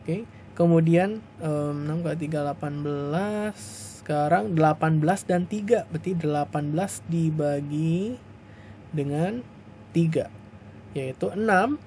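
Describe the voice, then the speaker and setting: A man teaching a class on video in a slightly high voice. He walks through each step patiently, repeating himself and padding his sentences with soft fillers. A faint hiss runs under the recording. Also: unhurried. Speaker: lecturer. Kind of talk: recorded lecture explaining to students.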